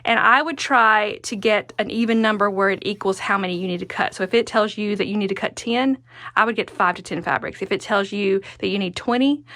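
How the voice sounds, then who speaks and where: A woman's voice: medium pitch, pushed and bright, no echo. A woman giving a casual hands-on craft tutorial as the instructor, chatty and musing, often talking to herself as she goes. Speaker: quilting instructor and host.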